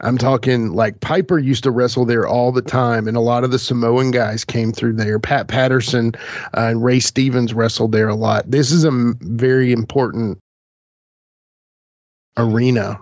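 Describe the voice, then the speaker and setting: A man's voice: mid-range voice, fairly even intonation, moderate pace, a little mellow, no echo. Male podcast host, casual rambling film commentary, jokey, dry and slightly lo-fi. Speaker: watch-along podcast host. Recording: dry, dull lo-fi mic.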